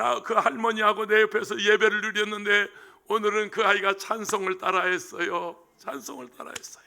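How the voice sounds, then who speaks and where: A middle-aged male pastor preaching a sermon, telling a story with emotion and swinging from hushed asides to shouting. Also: high voice.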